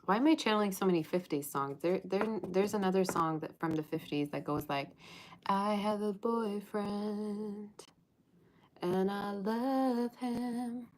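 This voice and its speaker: This tarot reader from Russia speaks in a mid-range voice at an unhurried pace, with a faint hiss or hum in the background. Chatty and teasing on her livestream, she reads out viewers' comments and breaks into snatches of old songs.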